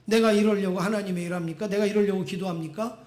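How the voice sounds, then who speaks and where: A man's voice: high voice, fairly even intonation, quick pace, darkish tone, voice pushed down, natural voice. A man pastor voicing a grown prophet who whines and pleads with God. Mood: complaining. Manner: whining, pleading. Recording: echoey church room.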